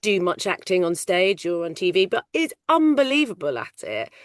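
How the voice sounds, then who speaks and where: A middle-aged woman working in film casting, talking loudly and animatedly in a casual interview. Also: lowish voice, moderate pace, dry recording, clean studio sound. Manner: loud, animated, chatty storyteller. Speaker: ADR casting coordinator.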